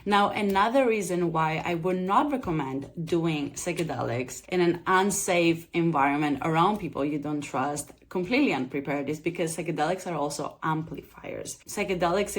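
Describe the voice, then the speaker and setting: An earnest woman with a lowish voice, whose first language is Greek, talks to camera in an explanatory vlog. She hosts a channel and works as a psychedelic preparation coach.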